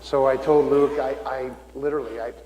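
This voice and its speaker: A middle-aged man gives a homily in a relaxed, storytelling way, often stopping to restart a phrase. His voice sits at an ordinary pitch for a man. The church around him is roomy, with a long reverb trailing each sentence. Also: moderate pace, muffled recording, noisy background. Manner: folksy storytelling with frequent restarts. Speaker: deacon.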